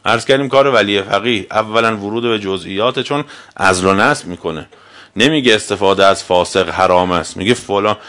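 A man giving a religious lecture as a cleric, arguing with rhetorical questions and swinging between loud emphasis and quiet asides. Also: on the low side. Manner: argumentative, asks rhetorical questions.

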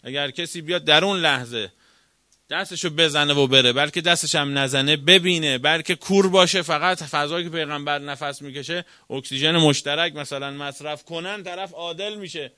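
A man lecturing on religion with a bright, forceful tone and a combative, questioning delivery. He swings from loud emphasis to hushed asides. The recording is dry and close. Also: on the high side, no echo. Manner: argumentative, rhetorical questions, swings between loud and quiet. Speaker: cleric lecturer.

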